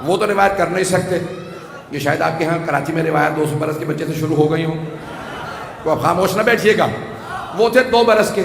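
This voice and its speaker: A man preaching a rhetorical sermon to a gathering, rising to shouts and making joking asides. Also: on the high side, creaky, pauses often, slight background noise. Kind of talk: Urdu majlis sermon. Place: large hall with audience. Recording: echoey hall, faint ambience.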